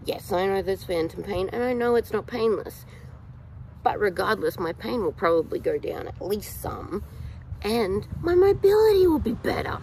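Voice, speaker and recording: A woman in her thirties with an Australian accent, chatting to her phone camera outdoors in a rambling, animated way. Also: mid-range voice, moderate pace, slight background noise, poor audio. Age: 30s. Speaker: vlogger. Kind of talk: casual talk to camera. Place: outdoors in a yard, in shade. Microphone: phone camera held low at arm's length.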